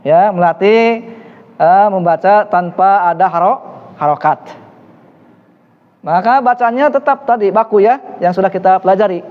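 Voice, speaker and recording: A man's voice: sits high, normal speed, long pauses. A man teaching an Arabic class, encouraging his students and praising often. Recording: lo-fi, reverberant room.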